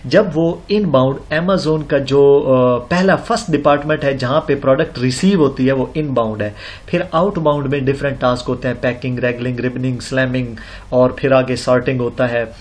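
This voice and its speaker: A man's voice: mid-range voice, moderate pace. A man narrating a screen-recorded seller tutorial, explaining step by step with many fillers and check-ins. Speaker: online seller tutorial host. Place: indoors at computer, voice-over on screen recording.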